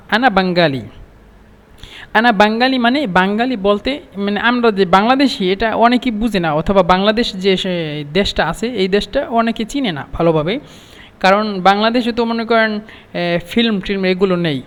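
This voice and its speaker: Higher-pitched man teaching with long reverb. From Bangladesh. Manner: explains slowly, repeats phrases. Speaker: Arabic language teacher. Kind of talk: spoken language lesson.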